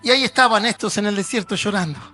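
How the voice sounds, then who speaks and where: A man's voice: high voice, fast, sharp tone, soft background music. A man, preaching a sermon in a church in an emphatic, conversational way. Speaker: pastor.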